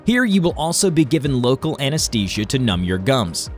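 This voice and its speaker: Guy doing a formal medical explainer voiceover, lively up and down pitch, bit of music behind. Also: brisk. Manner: formal, instructional. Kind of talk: scripted educational narration.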